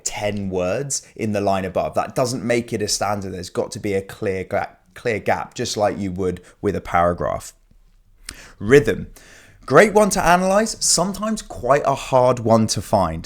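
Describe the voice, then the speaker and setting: Chatty man explaining exam poetry. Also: fairly low pitch. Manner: informal, chatty explaining with fillers. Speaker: teacher. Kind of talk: exam revision lesson.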